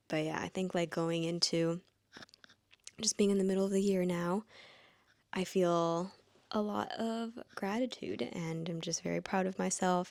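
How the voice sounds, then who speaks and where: A woman in her late twenties muses aloud in a casual, reflective vlog monologue, rambling with plenty of "like" fillers. Her lowish voice is creaky and a little mellow, recorded in studio quality with no echo.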